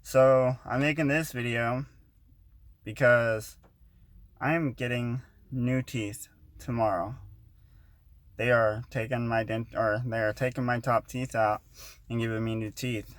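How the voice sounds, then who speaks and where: A man's voice: medium pitch, fairly even intonation, slow pace, long pauses, dry recording. A man in his twenties talks casually to his vlog viewers, with a slight lisp that shows when he speeds up. He rambles, restarts and drops in fillers. The recording is dry and close, with no room sound. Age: 20s. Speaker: vlogger.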